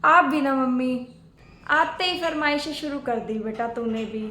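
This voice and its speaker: A woman playing a gentle, soft-spoken older mother who calms and mildly scolds her daughter. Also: high-pitched, measured pace. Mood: soothing. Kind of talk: homemade family skit acting. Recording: echoey room.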